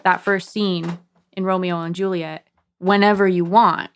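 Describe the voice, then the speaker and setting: A woman's voice: lowish voice, fairly even intonation, a little slow, clear, resonant tone. A woman in casual podcast banter before a tabletop game, reasoning things out with lots of "like.". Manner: reasoning, talks things through with filler "like". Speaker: podcast co-host player.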